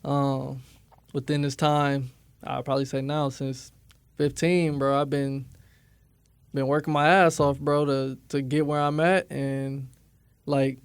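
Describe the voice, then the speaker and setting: A young man from Milwaukee with a gravelly yet smooth voice, speaking in a narrow, even tone. He talks in a laid-back, casual interview manner. The recording is dry and close. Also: mid-range voice, takes it slowly, no room sound. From Milwaukee, USA. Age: 20s. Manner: laid-back, often tags lines with "you know what I'm saying". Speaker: barber, interview guest.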